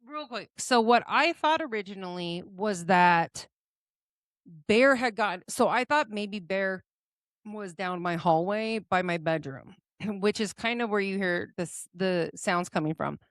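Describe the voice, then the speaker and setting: A woman co-hosting a podcast in casual chat, animated and quick to exclaim. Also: mid-range voice, no room sound, clean studio sound. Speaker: podcast co-host.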